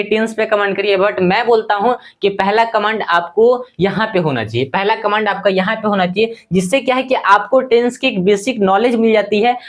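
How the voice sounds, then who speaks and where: A man's voice: high-pitched, fairly bright tone. A male English teacher explaining grammar in Hindi, asking and answering his own questions and repeating key points for his viewers. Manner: addresses viewers as friends; slows to recite word lists.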